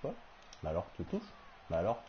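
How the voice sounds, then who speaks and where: A man giving casual live commentary on a wrestling game, talking excitedly to the opponent on screen. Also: deep voice, a little fast. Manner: excitable, talks to the opponent, frequent exclamations. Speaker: gamer streaming a wrestling game. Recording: slightly dull lo-fi stream audio with faint game sound.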